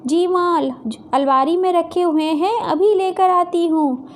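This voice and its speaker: A woman's voice: extremely high pitch, slow. A woman voicing a meek, dutiful young daughter-in-law who speaks politely and worriedly.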